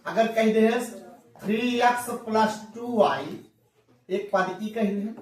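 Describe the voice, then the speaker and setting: High-voiced man teaching in an echoey room. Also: slow. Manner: folksy, asks the class questions and answers them himself. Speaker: math teacher. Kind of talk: classroom math lesson. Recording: echoey room, mic far off.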